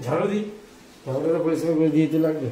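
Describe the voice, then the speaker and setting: Man, mid pitch, grumbling mumbler, quick speech, echoey noisy room. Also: dark tone, soft background music. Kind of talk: casual talk at home. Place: home indoors. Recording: echoey room with background noise.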